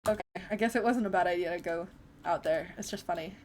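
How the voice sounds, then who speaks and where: A woman's voice: fairly low pitch, fast talker, a little mellow, slight background noise. A young woman chatting casually through a game, reading its text aloud and laughing often. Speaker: gamer streamer. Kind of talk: casual let's-play commentary.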